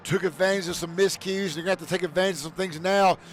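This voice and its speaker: A man calling high school football play-by-play, shouting on big plays. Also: steady tone, fast. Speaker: play-by-play announcer.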